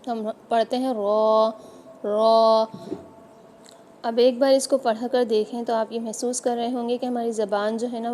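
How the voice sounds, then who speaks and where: A woman's voice: on the high side, mellow, a little hiss or hum. Patient woman teaching Quran pronunciation. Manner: patient, explanatory, models letter sounds slowly. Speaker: tajweed teacher. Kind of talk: online Quran pronunciation lesson.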